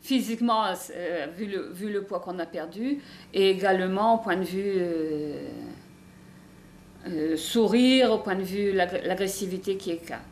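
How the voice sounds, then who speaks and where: A woman from northern France speaking earnestly in a documentary interview, halting and restarting her sentences. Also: mid-range voice, a little mellow, a little hiss or hum. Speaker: hospital nutrition workshop participant. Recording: echoey room.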